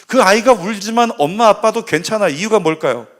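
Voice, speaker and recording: Male pastor, sermon, slightly high voice, emphatic, call-and-response with congregation. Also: expressive, fairly quick, fairly bright tone. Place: church service.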